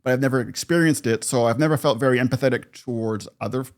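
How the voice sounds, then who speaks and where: A man's voice: medium pitch, fast talker. Reflective middle-aged man telling his story. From Canada. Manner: reflective, animated when recounting, laughs often. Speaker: podcast guest, producer. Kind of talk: personal storytelling in conversation.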